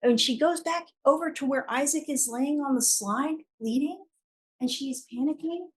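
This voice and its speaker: A woman's voice: sits high, moderate pace, low-quality recording. A woman prosecutor giving a courtroom closing argument, emphatic and pressing her points through repetition. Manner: emphatic, repeating key phrases for force.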